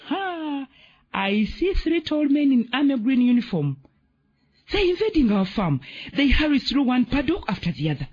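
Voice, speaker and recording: A man reading a dramatic story aloud on the radio, acting out the characters with an expressive, husky voice. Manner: expressive, voices the characters with big pitch swings. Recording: muffled radio broadcast.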